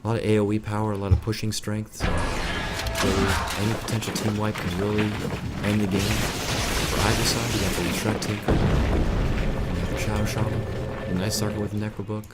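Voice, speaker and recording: Fast-talking, low-voiced man casting a game. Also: little pitch movement. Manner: casual, rambling play-by-play with self-corrections. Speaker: esports caster. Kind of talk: live video game commentary. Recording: music and game battle sounds behind. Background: game music with battle sound effects.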